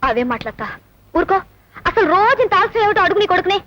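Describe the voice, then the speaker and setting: Snappy nagging housewife, bright sharp tone, muffled old film sound. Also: female voice, extremely high pitch, sing-song, quick pace, heavily acted. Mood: scolding. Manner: scolding and impatient. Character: sharp-tongued young housewife. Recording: dull old film soundtrack with faint noise.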